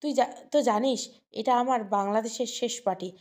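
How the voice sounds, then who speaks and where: A woman voicing an excited young woman pleading with her friend to come to her party. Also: a little high, brisk, natural voice.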